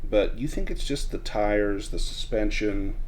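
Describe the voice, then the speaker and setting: A man running a tabletop horror game, narrating and prompting players in a measured, conversational way. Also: lowish voice, a little hiss or hum. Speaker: game master.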